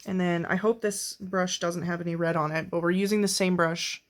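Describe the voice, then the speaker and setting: Excitable chatty woman vlogger. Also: on the low side, normal speed. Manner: chatty and excitable, rambling with sudden bursts. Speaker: beauty vlogger. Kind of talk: casual makeup tutorial. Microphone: camera mic while filming herself.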